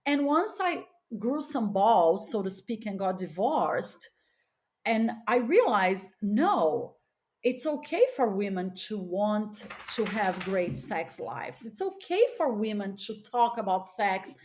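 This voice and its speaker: Here a slow, slightly mellow woman's voice at medium pitch swings widely up and down. She's a middle-aged podcast guest from Los Angeles, chatting frankly and informally, leaning hard on "like" and "you know" and stressing her points.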